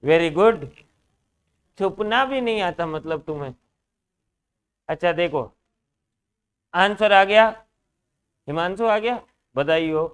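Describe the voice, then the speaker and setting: A male teacher with a Rajasthani accent runs a lively class, bantering and teasing students between problems. His voice sits high and rings smooth and clear. He talks in a classroom full of students. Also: slow pace, long pauses. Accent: Rajasthani Hindi. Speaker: reasoning teacher.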